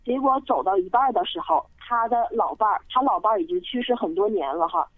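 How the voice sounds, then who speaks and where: A woman's voice: mid-range voice, fast, no room sound. A woman from Sichuan calling into a radio show, telling a ghost story with many hesitant fillers over the phone. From Sichuan, China. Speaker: radio call-in listener. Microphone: telephone. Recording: tinny dry phone line.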